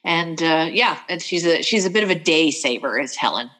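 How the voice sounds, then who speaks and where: A woman's voice: low-pitched, normal speed, low-quality recording. A woman author reading from her novel expressively, then chatting about her characters. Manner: expressive reader, chatty with fillers. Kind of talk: book reading and interview chat.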